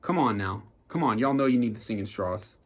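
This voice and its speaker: A man's voice: on the low side, a little fast. A man who is a vocal coach, giving an enthusiastic, casual reaction commentary full of "like" fillers. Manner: enthusiastic, lively, frequent "like" fillers, bursts of singing demonstrations.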